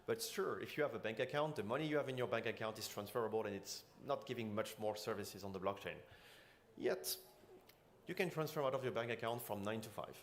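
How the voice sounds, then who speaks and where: A man giving an earnest keynote talk at a conference, with frequent restarts and fillers. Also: on the low side. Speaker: conference speaker. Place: conference stage.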